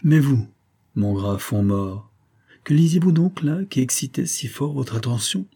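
A man's voice: mid-range voice, animated, unhurried, warm tone, breathy edge, pitched above the performer's own voice. Man voicing a carefree, teasing young officer. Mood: playful. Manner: playful and teasing. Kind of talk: audiobook character voice.

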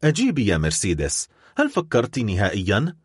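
A man's voice: on the low side, wildly swooping pitch, brisk, slightly rough, dry recording, clean studio sound, exaggerated voice. A man voicing an anguished, lovesick young man in an audiobook, speaking in a pleading, distressed way. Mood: desperate. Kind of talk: audiobook character voice.

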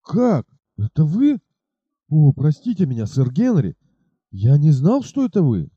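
Fierce bearded robber chief read by a man, gruff, swinging pitch, dull dry audiobook sound. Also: huge pitch swings, measured pace, mellow, no room sound, exaggerated voice. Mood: pleading.

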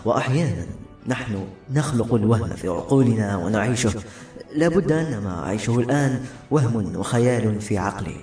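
A man's voice: mid-range voice, animated, brisk, close to an everyday voice. A man reading the lines of a polite, bewildered young man who keeps asking earnest, puzzled questions. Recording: roomy echo with soft music.

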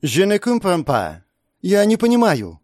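Man voicing a high French blonde girl. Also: wildly swooping pitch, noisy background, heavily acted. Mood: confused. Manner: broken halting speech, pleading. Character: scared young blonde French woman, broken Russian.

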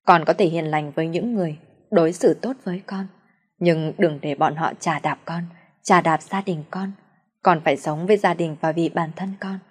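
A woman narrator voicing a gentle elderly grandmother spirit who tenderly consoles her granddaughter in an audio story. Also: sits low, moderate pace, husky. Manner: soft, tender and pleading.

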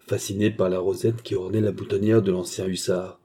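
Husky, dark-voiced male narrator. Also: sits low, level tone, a little fast. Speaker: audiobook narrator. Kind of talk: scripted narration.

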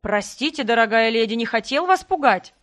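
Loud, fake-cordial middle-aged nobleman from an audiobook, read out by a woman. He presses and accuses with a raised, insistent voice. The reading keeps the narrator's own fairly high pitch. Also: lively intonation, normal speed. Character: scheming middle-aged male nobleman, falsely friendly.

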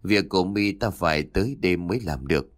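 A man's voice: low voice, lively intonation, fairly quick, dry recording, studio quality. A man doing a stern old master in his sixties. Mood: curt. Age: 60s. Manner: curt, commanding. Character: old male exorcist master, stern and curt.

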